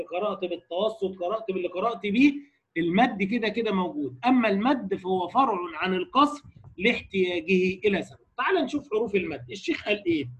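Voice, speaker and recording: A man with an Egyptian Arabic accent giving a lecture on tajweed rules, slowing down to recite quoted lines and putting rhetorical questions to his class. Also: high voice. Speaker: Quran recitation teacher.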